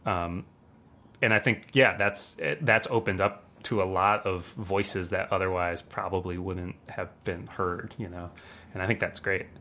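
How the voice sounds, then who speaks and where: A man, a percussionist and composer guest, talking in a casual conversation, halting and full of fillers and restarts. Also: low-pitched, fairly even intonation, bright, forceful tone.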